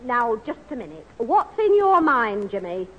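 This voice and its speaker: A woman playing a good-natured, excitable aunt in a 1960s radio comedy, theatrical in manner. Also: fairly high pitch, normal speed. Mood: wary. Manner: theatrical, animated. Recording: dull old radio recording with hiss.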